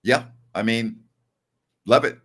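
A man's voice: mid-range voice, slow pace, fairly bright tone. An older man hosting a postgame basketball talk show over a video call, emphatic and opinionated, repeating his key words. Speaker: sports talk host.

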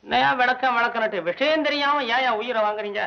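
A man playing a poor, fretful temple poet in a 1960s Tamil film, whiny and sarcastic, complaining and talking to himself. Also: vocal fry. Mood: bickering. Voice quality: whiny, high and quick-tempered. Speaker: comic lead in a devotional film. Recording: dull old film soundtrack.

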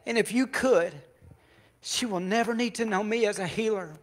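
A pastor voicing God answering him quietly and firmly. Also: male voice, high-pitched, moderate pace, close to an everyday voice. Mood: hushed. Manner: quiet, hushed, firm. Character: calm, gentle God speaking to a man.

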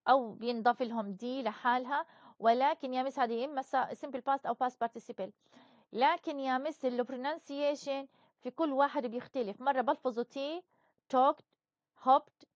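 A woman English teacher, giving a bilingual lesson and patiently repeating each word slowly so students can drill it. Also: on the high side, dry recording, highs cut off.

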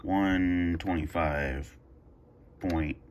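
Extremely slow and a little mellow, a low-voiced man with fairly even intonation gives an impromptu tutorial on a radio scanner. Working from a carpeted room at home, he thinks aloud hesitantly while pressing buttons, and slight background noise can be heard.

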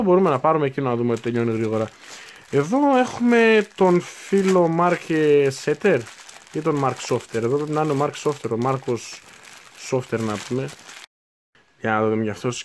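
A man in his twenties chatting casually as he unboxes new hobby supplies, thinking aloud and correcting himself as he goes. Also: on the high side. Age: 20s. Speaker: unboxing video host.

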